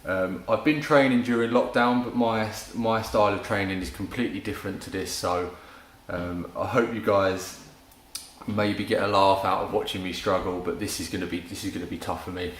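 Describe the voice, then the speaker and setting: A man's voice: deep voice, fairly even intonation, moderate pace, reverberant, a little hiss or hum, poor audio. A male fitness instructor leading a home workout, casual and encouraging, calling out cues while he exercises and getting out of breath. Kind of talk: home workout class demo.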